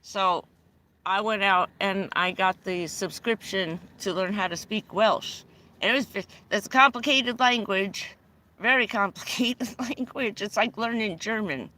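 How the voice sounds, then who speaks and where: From inside a vehicle, a middle-aged American woman from the United States hosts a livestream, rambling along, laughing often, and swearing casually. Her medium-pitched voice is unhurried, pushed, and bright.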